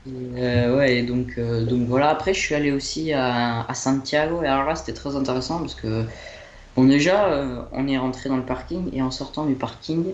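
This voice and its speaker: A man's voice: medium pitch, normal speed, lo-fi sound. A young man chatting casually about his holiday, hesitant, with many fillers and restarts. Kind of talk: rambling casual chat. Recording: echoey room, faint noise.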